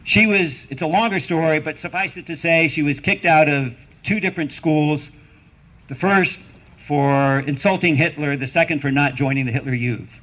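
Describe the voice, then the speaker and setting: A middle-aged or older man giving a rally speech as a professor, emphatic and deliberate, building on repeated phrases and rhetorical questions. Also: on the high side, a bit bright. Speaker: university professor speaking at a rally.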